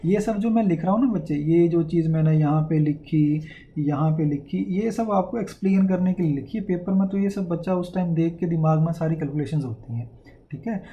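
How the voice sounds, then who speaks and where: A man's voice: a little high, fairly quick, muffled recording, a little hiss or hum. A man giving a patient, step-by-step math lecture, often checking in with his students as he works through a problem. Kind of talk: classroom lecture, Hindi mixed with English.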